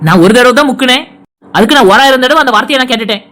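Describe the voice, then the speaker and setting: A sharp-tongued sister-in-law in a village cartoon scolds in a Tirunelveli accent, voiced by a woman. She talks at a breakneck pace in a higher-than-usual pitch. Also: racing, over music, natural voice. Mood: grumbling. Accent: Tirunelveli Tamil. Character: grumbling middle-aged sister-in-law.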